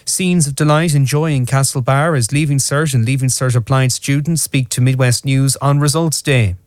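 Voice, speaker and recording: A man's voice: mid-range voice, fairly even intonation, normal speed, no echo. Irish male news presenter, dry studio sound. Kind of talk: scripted headlines and weather bulletin.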